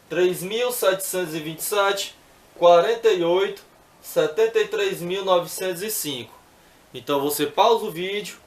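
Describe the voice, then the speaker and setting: A man's voice: high voice, echoey room. A man teaching math, working through exercises patiently step by step and often checking in with the viewer.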